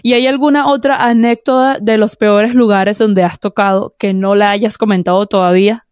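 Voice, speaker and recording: A woman's voice: mid-range voice, steady tone, normal speed, a little mellow, clean tone, no room sound, clean studio sound. A woman hosting a podcast interview, asking loose, rambling questions in a friendly, laughing way. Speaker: podcast host. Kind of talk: casual interview chat.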